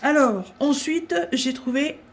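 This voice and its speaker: A woman chatting casually through a craft-supply haul, talking with many pauses and fillers. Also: sits high.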